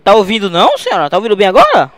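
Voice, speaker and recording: A man's voice: high voice, wildly swooping pitch, rapid-fire, fairly bright tone, no echo. A man with a Brazilian accent making a prank call, playing a frantic, worried father. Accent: Brazilian Portuguese. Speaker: prank caller.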